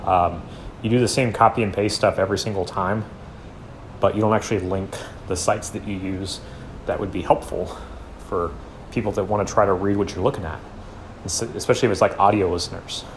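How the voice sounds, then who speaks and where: Low-voiced man giving casual blunt critique. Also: steady tone, a little fast, a little hiss or hum. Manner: loose and conversational, many fillers and trailing off; blunt, occasional swearing. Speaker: commentary channel host.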